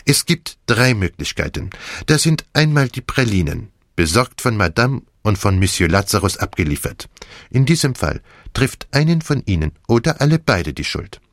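A man's voice: fairly low pitch, very animated, moderate pace, a bit bright, dry recording, studio quality, pitched above the performer's own voice. A man voicing a fussy, theatrical older male detective in an audiobook, talking dramatically and dropping French phrases. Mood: earnest reasoning. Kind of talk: audiobook character voice.

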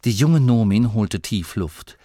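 A man narrating an audiobook in a lively, expressive reading voice. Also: lowish voice, slow pace, no room sound, studio quality. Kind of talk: scripted narration.

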